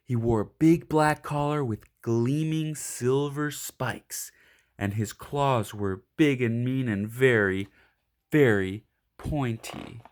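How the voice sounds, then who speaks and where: A storybook reader with a mid-range voice reads a children's picture book aloud with expression, stressing key words in a deliberate, dramatic way.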